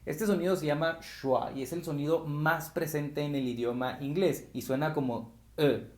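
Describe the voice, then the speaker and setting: Man, Spanish speaker, pronunciation teacher, fairly high voice, roomy echo. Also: fairly even intonation, darkish tone. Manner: explanatory, repeats example words slowly. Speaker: English teacher. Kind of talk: pronunciation lesson.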